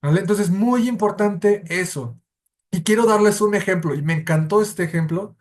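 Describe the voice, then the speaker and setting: High-voiced Mexican man teaching a Bible class. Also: moderate pace. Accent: Mexican Spanish. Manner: explanatory, methodical, self-correcting. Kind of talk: church Bible study class.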